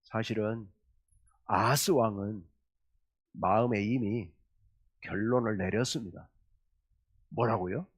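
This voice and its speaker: A man's voice: fairly low pitch, slow pace, long pauses, husky. A man preaching a sermon as pastor, asking the congregation questions, leading shared reading and acting out quoted lines with rising force. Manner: questions the congregation, leads them in reading together.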